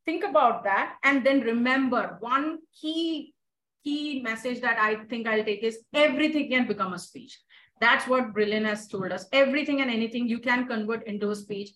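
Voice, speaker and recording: Woman, Indian accent, higher voice, emphatic discussion host, roomy echo, background noise. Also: moderate pace, a bit bright. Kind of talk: casual moderated discussion.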